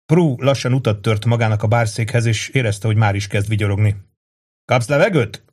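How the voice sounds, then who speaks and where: A man narrating a novel as an audiobook, in a steady storytelling manner. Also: on the low side. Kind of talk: scripted narration.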